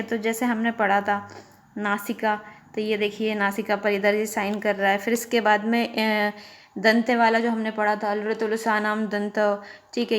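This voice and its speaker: A woman teaching an online Sanskrit lesson, reciting the sutras slowly and drawn out and explaining them patiently. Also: on the high side. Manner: explains patiently, often checking with "theek hai".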